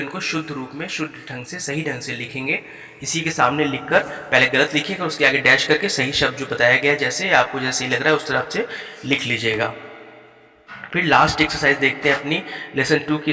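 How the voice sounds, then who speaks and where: A man teaching a children's Hindi exercise, slowing down to spell each word out sound by sound. His voice is bright and clear, a little higher than most men's, and it rings through a room with a long, echoing reverb. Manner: slow, patient, spells words out sound by sound. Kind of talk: explaining a school exercise.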